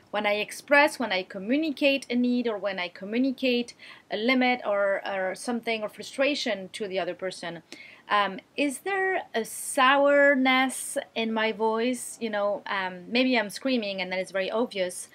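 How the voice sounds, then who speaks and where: A woman's voice: medium pitch, fairly bright tone. A woman blogger talking straight to camera, explaining her advice earnestly with frequent fillers and restarts. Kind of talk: direct-to-camera advice talk.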